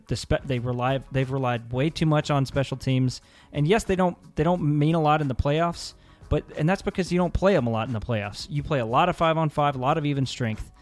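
A man's voice: fairly high pitch, a little fast. Hesitant man, faint music behind. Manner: hesitant, hedging, optimistic. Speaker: podcast co-host. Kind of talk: casual sports chat.

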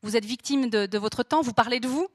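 A woman's voice: on the high side, a little fast, dry recording, clean studio sound. A woman hosting a live author event, introducing her guest with many hesitations and restarts. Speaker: event host. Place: venue with an audience. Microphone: handheld mic.

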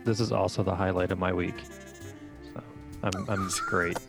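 A man with a very deep, gravelly voice co-hosting a casual podcast with his brothers. He speaks deadpan. Music plays clearly behind him. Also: normal speed. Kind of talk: casual chat among brothers.

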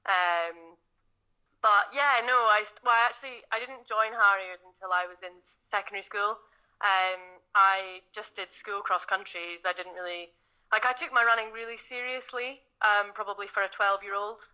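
Interview guest: woman, twenties, Highland Scottish accent, very bright tone, informal and self-deprecating, slightly dull lo-fi recording. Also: steady tone, normal speed, smooth. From Inverness, Scottish Highlands. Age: 20s. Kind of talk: casual interview chat.

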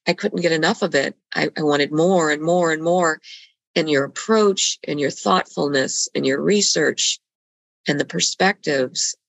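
A woman with a gravelly, husky voice, recorded dry and close. She talks earnestly and haltingly, restarting her sentences, in a reflective conversation over a video call. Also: sits low, fairly bright tone, no room sound, poor audio. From Colombia. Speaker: guest.

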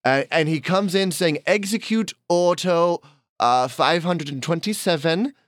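A man's voice: fairly high pitch, unhurried, no echo, clean studio sound, natural voice. A man voicing a pompous noble male llama lord with an affected posh accent, guest-hosting a comedy podcast. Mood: lofty. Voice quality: affected posh British-ish put-on accent, grandiose. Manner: pompous, rambling, theatrical. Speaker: guest host. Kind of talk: improvised comedy podcast character.

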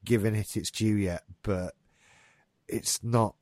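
Here a man with a darkish, lowish voice talks slowly and steadily as he hosts a casual gaming news podcast. He rambles, swears a bit and is getting stuffed up; the studio sound is clean, with no room sound.

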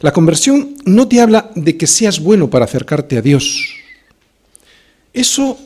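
A man's voice: sits high, sing-song, measured pace, warm tone, slightly rough. A male pastor preaching a sermon in a church, reading scripture and asking the congregation questions.

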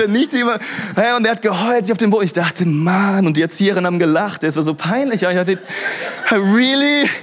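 A young man giving a sermon as a pastor, talking casually and energetically, with frequent restarts and interjections. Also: high voice. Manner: lively, colloquial, with frequent "hey" and restarts.

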